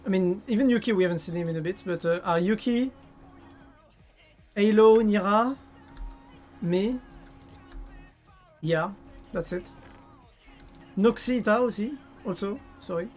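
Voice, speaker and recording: A woman's voice: mid-range voice, unhurried, long pauses, a little mellow, soft background music. A woman with a French accent chatting casually with viewers while playing a game on a live stream. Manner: chatty, answers viewers' chat.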